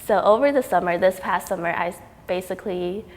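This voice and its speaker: A young woman from Taiwan, a student artist, talks casually in an interview, with frequent ums and likes. Her voice is lowish and fairly quick. It was recorded in a reverberant hall with faint noise.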